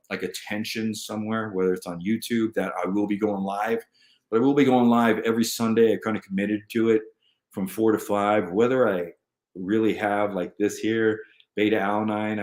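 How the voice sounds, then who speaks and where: Rambling man on a roomy live stream. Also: lowish voice. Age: adult. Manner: rambling, jumps between topics with many restarts. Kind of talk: casual live-stream chat, reading viewer comments. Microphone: computer mic at a desk. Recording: roomy echo.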